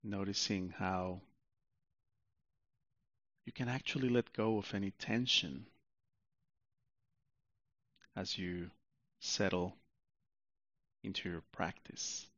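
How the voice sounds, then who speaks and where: A man narrates a guided sleep meditation in the style of a sleep story, soothing and unhurried with long pauses. His voice sits low with a slightly bright edge, and the muffled recording has no room sound.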